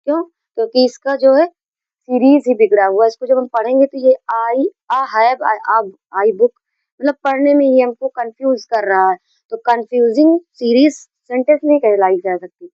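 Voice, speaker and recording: A woman's voice: on the high side, normal speed, no room sound, highs cut off. A woman teaching a grammar lesson, explaining patiently, repeating key points and mixing in English terms.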